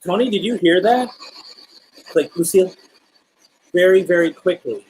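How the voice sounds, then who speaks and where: A man's voice: high voice, animated, moderate pace, a little mellow, husky, low-quality recording. A man hosting a live paranormal session, chatting casually and putting questions to spirits and viewers. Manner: conversational, addressing unseen listeners with questions. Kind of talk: casual live-stream chat, calling out to spirits.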